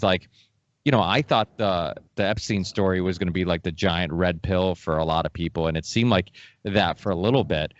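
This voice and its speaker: A deep male voice with no echo, on dull lo-fi audio. Born in Portugal and from Massachusetts, he hosts a casual podcast, rambling emphatically and repeating himself as he talks.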